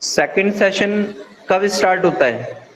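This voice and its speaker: A man's voice: high-pitched, animated, a little slow, fairly bright tone, rough recording. A man with an Indian English accent teaching a maths class online, calling students "beta" and answering his own questions patiently.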